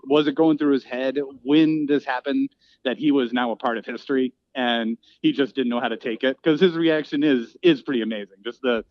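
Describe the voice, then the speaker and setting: A man's voice: mid-range voice, brisk, dry recording. Male podcast co-host, thoughtful and searching, slightly muffled, dry close mic. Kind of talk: casual podcast chat.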